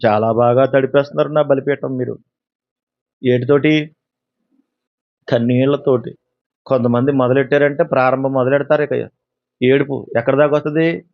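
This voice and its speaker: A man's voice: medium pitch, highs cut off. A male pastor with a Telugu accent preaches a sermon, putting questions to the congregation and answering them himself, and acting out the words of the people in his story. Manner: acts out the words of God and of people in his own voice.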